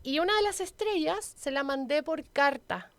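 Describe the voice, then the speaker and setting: A woman's voice: high voice, normal speed, dry recording. A woman in her forties from Venezuela with a Chilean accent, chatting as a guest and telling personal stories. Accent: Chilean Spanish. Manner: warm storytelling, chatty. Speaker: guest, local councilwoman. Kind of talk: casual interview chat.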